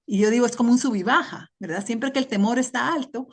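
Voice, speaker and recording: A woman's voice: on the high side, quick pace, slightly rough. A middle-aged woman giving a reflective, conversational personal recovery testimony, often checking in with her listeners. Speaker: recovery group member sharing her story.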